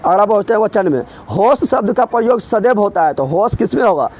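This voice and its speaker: A man's voice: high voice, lively intonation, a little fast, a little mellow. A man teaching an exam-prep grammar lesson, drilling students with repeated questions and teasing them. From Bihar.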